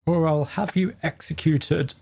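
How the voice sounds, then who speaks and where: A woman voicing an irritable, imperious king who gives sharp, threatening orders in a storybook, with a gravelly, husky voice. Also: low-pitched, fairly even intonation, unhurried, full character voice. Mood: pompous, stern. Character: irritable, bossy, threatening old-fashioned king as judge.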